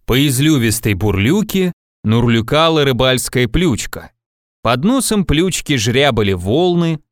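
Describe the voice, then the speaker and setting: A man reading a children's story aloud with expressive narration. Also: mid-range voice, dry recording, studio quality. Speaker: reader.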